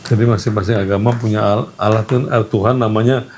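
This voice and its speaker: A man's voice: on the low side, fairly even intonation, fast, noisy background. A former pastor, a man, talking casually and hesitantly, asking questions with lots of fillers. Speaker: former pastor, new convert. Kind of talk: casual chat. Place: indoors, air-conditioned room.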